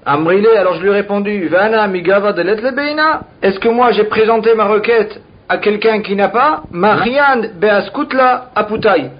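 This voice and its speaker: A man's voice: high voice, normal speed. A man reading Talmud passages in Aramaic and translating them aloud as a teacher. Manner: reads Aramaic phrases then translates them. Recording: dull lo-fi recording.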